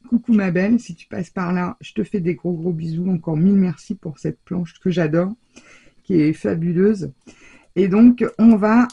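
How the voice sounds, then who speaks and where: Chatty woman crafter, mellow husky voice. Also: lowish voice. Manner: chatty, rambling, many fillers and self-corrections. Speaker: crafting channel host. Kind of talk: casual crafting tutorial chat.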